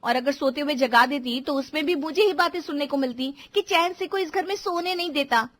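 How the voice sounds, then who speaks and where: A woman's voice: high-pitched, brisk, fairly bright tone, pitched above the performer's own voice. A woman voicing a young newlywed wife who argues back defensively with her husband. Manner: defensive, exasperated. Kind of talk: Hindi cartoon voice acting.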